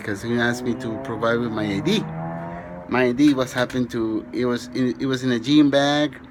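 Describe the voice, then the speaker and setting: A middle-aged man from Peru, telling his own story in a halting way with many pauses and restarts. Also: lowish voice, slight background noise. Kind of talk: personal testimony.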